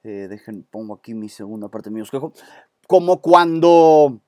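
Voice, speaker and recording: A man with a Mexican Spanish accent preaching a sermon with intensity, breaking off for quick asides to his congregation. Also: mid-range voice, expressive, warm tone, no echo, clean studio sound. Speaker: pastor. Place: church set with stage lights.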